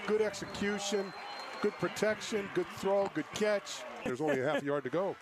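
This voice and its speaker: Slightly high-voiced man analysing football plays. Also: lively intonation, normal speed. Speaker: color commentator. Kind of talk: casual live American football analysis. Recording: crowd and stadium noise behind.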